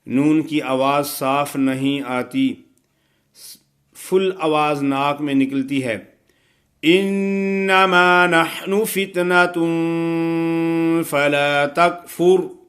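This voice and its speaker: A man teaching a recitation lesson, chanting verses slowly and melodically, then explaining the rules in quick, matter-of-fact speech. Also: mid-range voice, flat delivery. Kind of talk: tajweed lesson.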